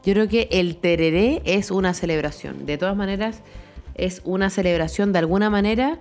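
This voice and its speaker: A woman's voice: mid-range voice, normal speed, darkish tone, soft background music. A young Chilean woman co-hosting a casual chat, rambling with confident slang. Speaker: podcast co-host.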